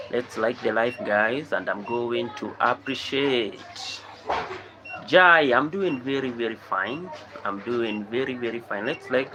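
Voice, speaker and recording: A Kenyan man hosting a casual live stream, greeting viewers by name and repeatedly asking them to like and subscribe, talking into a computer microphone. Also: medium pitch. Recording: loud background noise.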